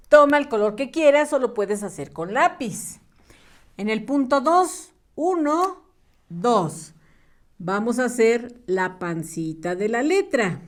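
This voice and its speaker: Teacher type: woman, patient, sing-song, spells out syllables slowly for little kids, lively higher voice. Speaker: primary school teacher. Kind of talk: slow, clear early-reading lesson for small children.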